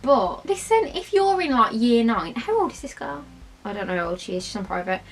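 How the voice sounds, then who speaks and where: Tipsy young british girl doing a chatty q&a, kinda high voice, blunt and sweary. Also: sing-song, brisk, breathy edge. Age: young adult. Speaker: vlogger. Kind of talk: casual Q&A chat to camera.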